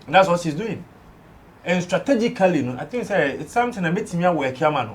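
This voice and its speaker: On a casual studio entertainment program, a Ghanaian-accented man speaks emphatically, code-switching between Twi and English. He talks fast in a high, expressive voice, with a little hiss or hum behind him.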